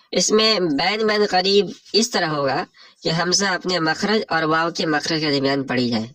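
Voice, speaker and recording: A man's voice: a little high, fairly bright tone, dry recording, rough recording. A man with a Pakistani Urdu accent teaching Arabic morphology in a religious lecture, explaining each rule step by step and glossing a set text.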